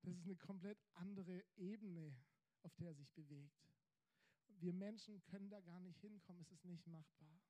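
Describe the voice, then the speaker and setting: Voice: mid-range voice, moderate pace, warm tone. A preacher delivering an emphatic sermon, building points through repeated phrases and rhetorical questions.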